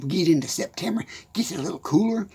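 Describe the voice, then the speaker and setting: A man's voice: high-pitched, lively intonation, quick pace, a little mellow, husky, full character voice. A man with a Texan accent playing a giggly good-ol'-boy country character in a rambling comic monologue. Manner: constant giggling, folksy rural grammar.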